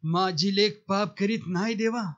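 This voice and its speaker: Brief: aggressive shouting village man voiced by a man, storybook, lo-fi. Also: sits high, measured pace. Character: angry accusing older village man. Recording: dull lo-fi recording.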